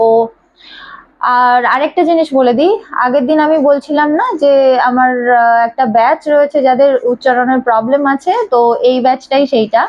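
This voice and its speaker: A woman's voice: sits high, a little mellow, dull audio. A woman teaching pronunciation in a classroom, patiently repeating each sound over and over. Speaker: English teacher. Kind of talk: spoken lesson to a small class. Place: classroom with a board.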